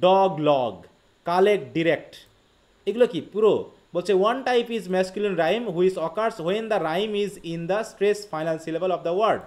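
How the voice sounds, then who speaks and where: A man with a Bangladeshi accent teaching a live online literature class. He explains quickly, reads English passages slowly and keeps asking his students questions. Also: high-pitched. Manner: quick Bengali explanation, slow read-aloud English quotes, frequent questions to students.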